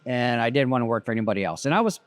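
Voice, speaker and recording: A man in his fifties, a business owner being interviewed casually, races through his story with lively intonation in a mid-range voice on a dry recording. He remains plainspoken and reflective, leaning heavily on "you know" fillers.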